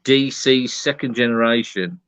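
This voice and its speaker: A man's voice: medium pitch, a little slow, fairly bright tone, clear, resonant tone, no echo, highs cut off. Rambling man with a Birmingham accent. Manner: rambling, many fillers. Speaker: podcast co-host. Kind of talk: casual chat.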